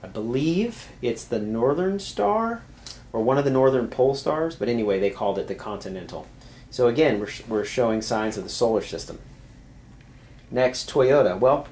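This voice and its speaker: A man's voice: on the low side, darkish tone, slight background noise. A man explaining things casually to viewers, talking off the cuff with many fillers and restarts. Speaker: video creator explaining symbols.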